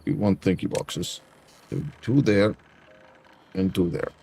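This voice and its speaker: Low-pitched, creaky, and dark, this man speaks slowly with a steady tone as he casually commentates a building game for his chat. He mimics an Eastern European dictator in broken English, leaving out articles, with a little hiss or hum in the audio.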